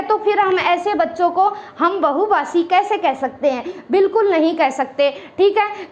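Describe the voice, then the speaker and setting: A woman teacher with an extremely high-pitched voice delivers an exam-prep lecture over lo-fi audio. She explains in Hindi sprinkled with English words, checking in with "ठीक है" again and again.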